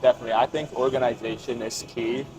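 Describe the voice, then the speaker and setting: A man's voice: medium pitch, fairly even intonation, fast, over music, low-quality recording. A young adult man hosting a casual chat, speaking informally and conversationally as the interviewer. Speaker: interviewer and host.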